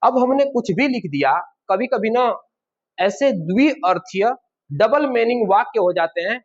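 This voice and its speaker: A man teaching an English grammar class, who keeps asking his students questions and then answers them himself. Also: very high voice. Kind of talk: classroom lesson. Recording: dull lo-fi classroom recording.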